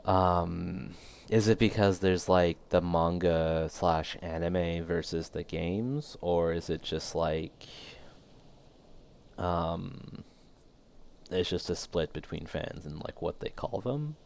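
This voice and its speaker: A man streams a game and chats casually, offering live commentary while thinking aloud and rambling with many fillers. His voice is low and darkish with vocal fry, and he speaks slowly. He is losing his voice.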